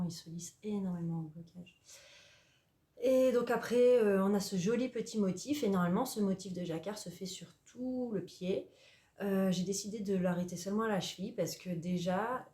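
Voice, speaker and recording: A chatty young woman talks through her knitting projects at home, her voice a touch low. She hesitates often and teases herself along the way. The room around her rings with echo. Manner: chatty, animated, self-mocking with filler hesitations. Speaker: knitting and sewing podcaster. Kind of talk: casual chatty craft vlog. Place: at home, indoors.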